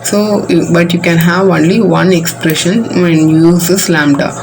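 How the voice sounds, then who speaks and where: A woman's voice: lowish voice, steady tone, moderate pace, background noise. A woman teaching a computer science class. She walks patiently through code line by line, starting most sentences with "so". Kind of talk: classroom coding demo lesson.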